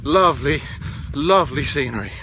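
British man talking loudly over clear wind noise. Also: on the high side, lively intonation, normal speed. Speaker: ultra runner vlogging a race. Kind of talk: casual spoken video diary. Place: outdoors on open coastal path. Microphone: phone at arm's length. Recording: outdoor wind noise on handheld phone.

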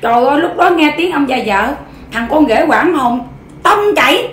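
A woman's voice: high voice, expressive, normal speed, fairly bright tone, echoey room. Giggly Southern Vietnamese woman telling jokes. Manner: chatty, giggly, many fillers. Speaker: mukbang vlogger. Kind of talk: casual joke-telling to viewers.

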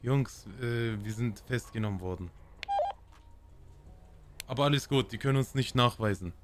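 A man in his thirties role-playing in a video game, urgent and excitable, often repeating his words. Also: mid-range voice, normal speed. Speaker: streamer playing a crime role-play game. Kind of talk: improvised in-game role-play. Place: indoor streaming room. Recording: faint game noise.

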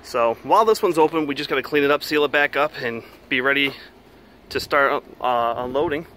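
A man's voice: medium pitch, brisk, sharp tone. A middle-aged man, a plain-spoken farmer, giving a casual explanatory tour in a folksy way. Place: outdoors in a farmyard beside silos, partly inside a steel silo. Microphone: handheld camera or phone. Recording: noisy outdoor handheld camera audio.

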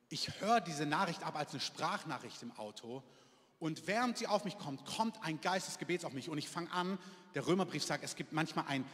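A man's voice: on the high side, a bit bright. A man preaching in a casual, storytelling way, often asking the congregation questions. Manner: conversational storytelling, asks audience questions. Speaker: pastor. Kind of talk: sermon. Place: church hall. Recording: long hall reverb.

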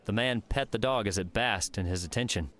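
A man narrating an audiobook in steady, even storytelling. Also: on the low side, fairly quick. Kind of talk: scripted narration.

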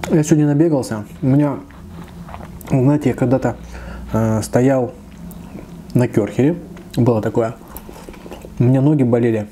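A man in his thirties hosts a casual mukbang, seated at a table in a small indoor room and chatting between bites with his mouth full. His mid-range voice is warm and moves at normal speed with long pauses. There's slight background noise.

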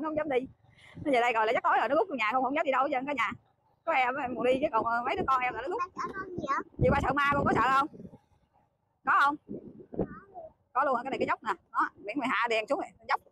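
A woman with a Southern Vietnamese accent, a vlogger mother chatting casually to her viewers as she rides a motorbike on a dark country road at night. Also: high-pitched. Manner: chatty, keeps addressing viewers as family. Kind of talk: casual vlog narration to viewers. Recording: noisy outdoor road recording.

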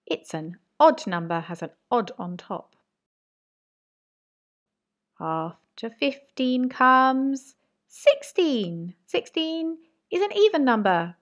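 A woman teaching a maths lesson to young children, talking slowly and encouragingly in a sing-song way. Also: high-pitched, very animated, lo-fi sound. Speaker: reception teacher.

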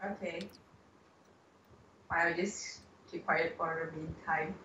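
A woman's voice: lowish voice, fairly even intonation, takes it slowly, pushed and bright, lo-fi sound, slight background noise. A woman co-hosting a gaming video in casual chat over a call, blunt and grumbling, sounding echoey and far from her microphone. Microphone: home microphone over an online call.

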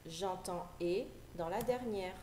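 A woman teaching a phonics lesson to young children, repeating each word slowly and articulating carefully. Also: lowish voice, mellow, slight background noise. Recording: echoey room with faint ambience.

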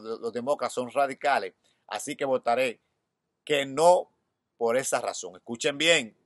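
A man's voice: mid-range voice, fairly bright tone, no echo. Dominican man reading news, dry sound. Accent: Dominican Spanish. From Dominican Republic. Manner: reads headlines, then adds personal opinion. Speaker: news show host. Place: outdoors in front of a hedge.

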